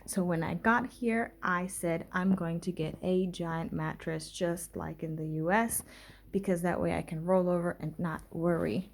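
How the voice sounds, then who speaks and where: A woman's voice: on the low side, a little mellow. Chatty young woman touring her home. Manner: chatty, many "um" pauses, walks through rooms while talking. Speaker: vlogger giving a home tour. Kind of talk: casual house tour narration. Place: small apartment indoors.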